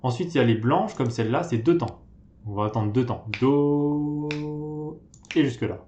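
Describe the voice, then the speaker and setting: A man explains beginner piano, calmly naming notes one by one and counting beats aloud. His voice sits at an ordinary middle pitch. The room carries a clear echo around him. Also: fairly quick, slight background noise. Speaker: piano teacher. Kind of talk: step-by-step piano tutorial. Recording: roomy echo.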